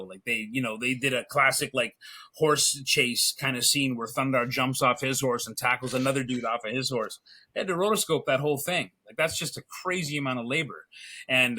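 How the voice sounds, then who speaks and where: A man who works as an illustrator, chatting as a podcast guest and telling stories about old cartoons with growing excitement. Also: mid-range voice. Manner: animated storyteller, gets excited.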